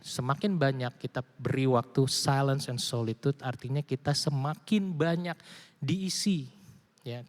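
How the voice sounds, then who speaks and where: A young man preaching casually to a youth group, slangy and animated, mixing in English phrases. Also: fairly high pitch. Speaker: youth pastor. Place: church hall. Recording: long hall reverb.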